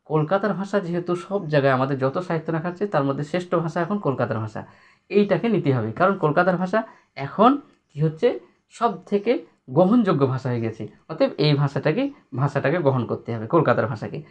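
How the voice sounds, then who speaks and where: Male teacher, slightly high voice, explaining and repeating. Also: expressive, brisk. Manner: explains by repeating and asking questions, tells students to underline. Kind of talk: classroom literature lesson.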